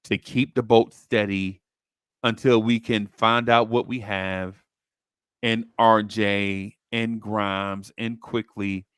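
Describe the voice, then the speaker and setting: A man's voice: fairly low pitch, level tone, slow, a bit bright, smooth, no echo, studio quality. A man hosting a sports talk show with casual, slangy banter, repeating phrases for emphasis.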